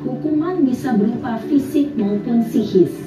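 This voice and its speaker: A woman's voice: fairly high pitch, normal speed. A woman reading scripted educational narration as the presenter of a lesson. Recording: echoey, slightly distant, music behind. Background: music.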